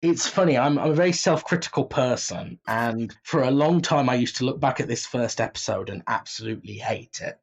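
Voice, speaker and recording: An audio drama writer and creator, guesting on a casual interview, talks a little fast in a medium-pitched, creaky, slightly rough voice with few pauses. He's self-deprecating and prone to acting out his own thoughts. The sound is slightly dull and muffled.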